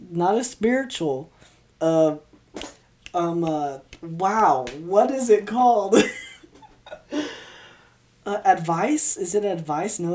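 A woman's voice: fairly low pitch, warm tone. A twenty-year-old woman hosting a solo podcast, rambling in casual chat, stumbling over her words in an upbeat way. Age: 20s. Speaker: podcast host. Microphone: podcast mic, also filmed for video.

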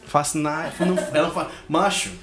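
A man with a Cearense accent co-hosting a podcast, excitable and slangy in casual chat. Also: on the high side, moderate pace. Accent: Cearense Brazilian Portuguese. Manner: excitable, slangy, laughs often. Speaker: podcast co-host.

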